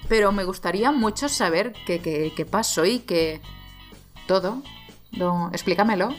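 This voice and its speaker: A woman's voice: mid-range voice, unhurried. Joking woman chatting, faint music. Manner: animated, jokey, with many asides and fillers. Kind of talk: casual chat.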